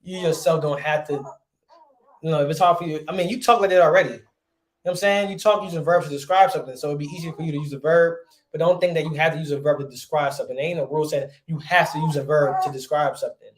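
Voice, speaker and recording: A man with a fairly high, steady voice talks fast while teaching a relaxed classroom lesson. He keeps it conversational and often throws out rhetorical questions, and the recording has a roomy echo.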